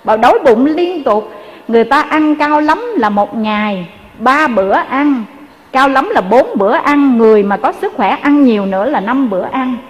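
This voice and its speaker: A woman's voice: sits high, lively intonation, moderate pace, long reverb tail, rough recording. A woman with a Southern Vietnamese accent telling a Buddhist story in a sermon, earnestly addressing her listeners. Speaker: Buddhist dharma speaker.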